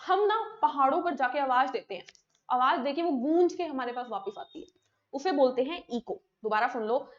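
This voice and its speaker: A high-voiced woman teaching an exam-prep science lesson. She asks questions and answers them herself, checking often that her listeners are following. The recording sounds dull and lo-fi. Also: animated, moderate pace. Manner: explains by asking and answering her own questions, with frequent tag checks.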